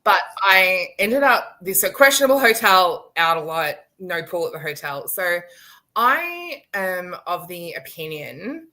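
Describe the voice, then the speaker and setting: A woman in her late thirties with a low-set, bright, forceful voice, telling a personal story over a video call. She talks animatedly, laughs often and acts out what people said. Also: sing-song, a little slow. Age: late 30s. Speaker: guest. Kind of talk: storytelling in a live-stream chat.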